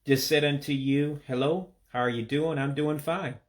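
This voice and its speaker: In a relaxed video lesson, a native English-speaking man from the United States, himself a language learner, slowly repeats vocabulary so viewers can pronounce it. He speaks on the high side with a steady tone.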